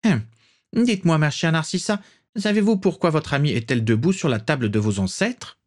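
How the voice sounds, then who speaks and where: In an audiobook reading, a man performs an old aristocratic witch, pitching her well above his own voice, a little high and brisk. She sounds haughty, imperious and condescending, her lines swooping and rising with lively disdain.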